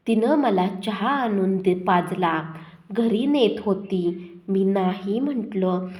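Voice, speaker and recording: Slow-paced woman storyteller. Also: mid-range voice, darkish tone. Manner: slow, measured, dramatic. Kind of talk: slow first-person story narration.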